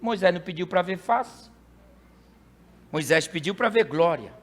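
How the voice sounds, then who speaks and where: A pastor preaching a sermon, with sudden loud bursts between quiet, explaining passages. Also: male voice, sits high, expressive, measured pace. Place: church. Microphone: handheld mic.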